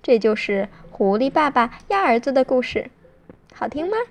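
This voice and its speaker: A woman gently narrating a bedtime story to children in an expressive storytelling voice. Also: high-pitched, moderate pace.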